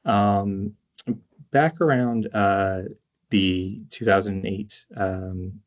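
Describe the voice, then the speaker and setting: A man giving a halting online conference presentation, hesitant and constantly pausing with uhs. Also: lowish voice. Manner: hesitant, very frequent uhs and pauses. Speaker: conference presenter from a justice charity. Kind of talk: halting presentation on a video call. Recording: dull, lo-fi online call audio.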